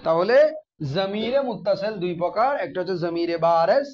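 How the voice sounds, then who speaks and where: A man's voice: sits high, brisk, highs cut off. A man teaching a class, often asking his students questions and repeating the key terms. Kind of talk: classroom grammar lesson.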